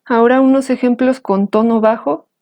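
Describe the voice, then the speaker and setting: A woman teaching a language lesson, explaining slowly and carefully, pronouncing example words. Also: fairly high pitch, fairly even intonation, dark tone. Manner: slow, careful, patient explanation.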